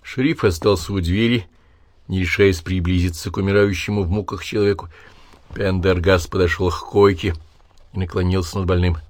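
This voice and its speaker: A man narrating an audiobook in a measured, even reading style. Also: sits low, dry recording. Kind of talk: scripted narration.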